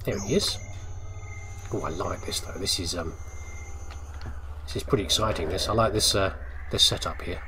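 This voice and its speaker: A British-accented man does a let's play with casual, chatty commentary, playfully muttering asides as he thinks aloud. His voice is low-pitched at a moderate pace with frequent pauses, over video game ambience and background music.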